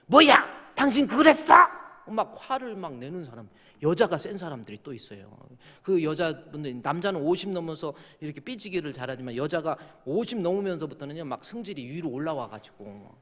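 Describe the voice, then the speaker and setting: A male pastor preaching a sermon, joking with the congregation and rising to loud, fervent prayer. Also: a little high, lively intonation, a little fast. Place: church sanctuary. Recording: church hall with long reverb.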